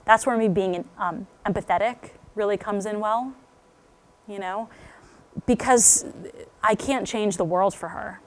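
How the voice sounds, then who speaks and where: A woman's voice: medium pitch, unhurried. Candid woman speaking to a parent group. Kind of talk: parent talk to a live group.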